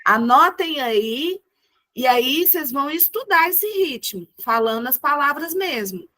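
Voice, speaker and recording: A woman teaching a group music lesson over a video call, encouraging the class and chanting words slowly in rhythm. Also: sits high, expressive, bright, forceful tone.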